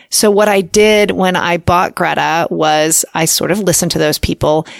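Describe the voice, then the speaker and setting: Gravelly-voiced woman reading a sponsor spot. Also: lowish voice, dry recording, studio quality. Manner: earnest, recommending. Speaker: podcast host reading a sponsor message. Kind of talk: conversational sponsor read.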